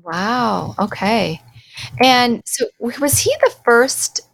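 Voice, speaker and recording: A woman hosting an interview, asking curious questions and reacting with quick exclamations. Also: a little high, lively intonation, creaky, a bit bright. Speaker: interview host. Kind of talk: interview conversation.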